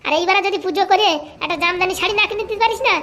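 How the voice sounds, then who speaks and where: A shrill nagging wife. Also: pushed and bright. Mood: scolding. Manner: scolding, mocking, fast-talking. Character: nagging shrill village wife of a poor priest. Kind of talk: comic cartoon voice acting.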